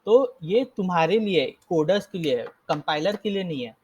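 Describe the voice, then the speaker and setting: A man's voice: sits high, lively intonation, normal speed, darkish tone, slightly rough, highs cut off. A young man casually teaching a live coding lesson, explaining step by step and often correcting himself. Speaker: coding instructor.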